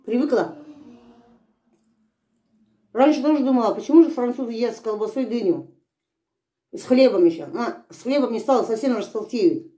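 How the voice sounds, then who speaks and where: A woman's voice: on the high side, normal speed, long pauses, mellow. A middle-aged woman vlogger telling a story with her mouth full while she eats, in a chatty, rambling way. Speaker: mukbang vlogger. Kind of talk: casual storytelling while eating. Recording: echoey room.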